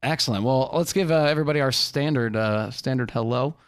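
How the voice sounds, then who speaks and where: A man's voice: medium pitch, fast, clear, resonant tone, dry recording, clean studio sound. Upbeat, jokey man. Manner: jokey, laughs often, upbeat. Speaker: podcast co-host. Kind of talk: casual podcast chat.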